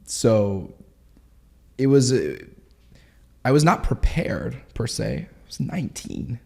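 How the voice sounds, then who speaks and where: A man of twenty, telling his story in a candid interview in quick, animated bursts. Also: mid-range voice, creaky. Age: 20s. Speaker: guest.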